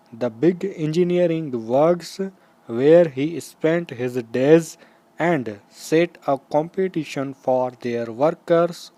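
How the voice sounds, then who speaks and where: A man reading a slow school dictation aloud, in measured, deliberate short phrases with pauses. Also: on the high side, mellow, dry recording. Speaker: dictation reader. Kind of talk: slow school dictation, read aloud with punctuation marks spoken.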